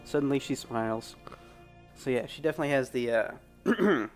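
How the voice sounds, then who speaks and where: A man playing a video game for an audience, reading text aloud and chatting, hoarse from allergies and self-deprecating. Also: medium pitch, fast, faint music behind. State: hoarse, throat strained by allergies. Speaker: gamer playing blind. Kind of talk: let's play commentary and reading game text.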